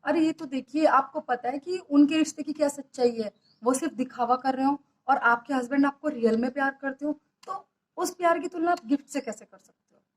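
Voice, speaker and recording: A woman with a high, light voice speaks earnestly about marriage in a motivational talk. She keeps asking her listeners questions and circles back to the same points to drive them home. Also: brisk, low-quality recording.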